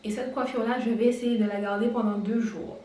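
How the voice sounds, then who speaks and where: A woman's voice: on the high side, steady tone, brisk, dark tone. Chatty woman in a very echoey room. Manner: chatty, explanatory, laughs at herself. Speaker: beauty vlogger. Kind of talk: casual hair-care tutorial. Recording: very echoey room, distant mic.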